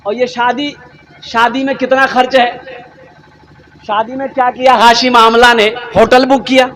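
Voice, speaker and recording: A man's voice: very high voice, little pitch movement, measured pace, a little hiss or hum. A male preacher from Kolkata delivering a fiery religious sermon, firing rhetorical questions and hammering points with repetition. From Kolkata, India. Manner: rhetorical questions, emphatic repetition, sometimes shouts. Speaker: Islamic preacher.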